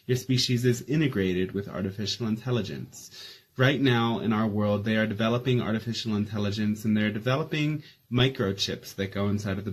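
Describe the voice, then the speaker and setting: A friendly man from the United States asks his question earnestly, tripping over a word here and there. His mid-pitched voice has a husky edge. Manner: friendly, earnest, slightly halting. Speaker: caller asking a question.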